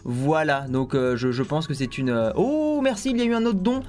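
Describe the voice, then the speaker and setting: A man's voice: a little high, animated, normal speed, darkish tone, faint music behind. A man hosting a casual tech live stream, chatty and joking, with many fillers and asides.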